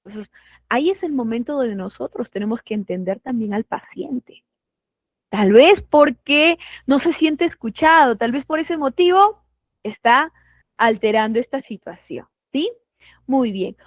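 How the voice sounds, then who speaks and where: A woman with a Peruvian Spanish accent teaches a nursing class, asking the students questions and praising their answers. Her voice sits high. The sound is dull and dry, as if from a plain close microphone. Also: expressive, no room sound. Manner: acts out patients and staff in quick put-on voices; asks the class questions and affirms their comments. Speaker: nursing instructor. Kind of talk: online class lecture.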